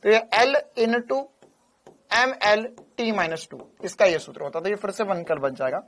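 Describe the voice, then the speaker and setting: A man's voice: high-pitched, a little slow, fairly bright tone. A man from India teaching physics in a lecture style. He is playful and repeats phrases in a rhythmic way.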